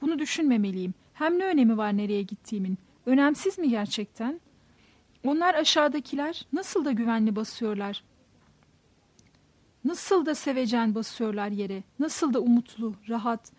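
A woman's voice: sits high, darkish tone, dry recording. A woman voicing the inner thoughts of an anxious, troubled man riding a bus, in a tense, questioning way.

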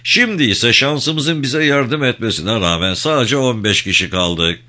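A man's voice: mid-range voice, animated, a little slow, sharp tone. A man reading an audiobook, voicing a bitter army sergeant who mocks an officer. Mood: mocking. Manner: sarcastic.

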